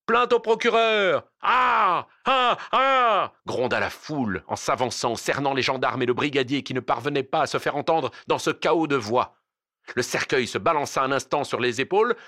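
A man reading a novel aloud with expressive, dramatic narration. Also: fairly low pitch, dry recording, studio quality. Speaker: audiobook reader.

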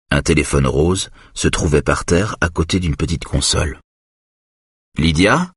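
A man narrating a tense first-person story in a measured way. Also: rumbling low, breathy edge, no room sound, studio quality.

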